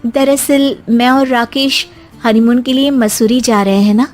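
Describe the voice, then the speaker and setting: A woman doing a high-pitched polite young daughter-in-law. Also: steady tone, unhurried, soft background music, natural voice. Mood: pointed innocence. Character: young married daughter-in-law, polite but quietly assertive.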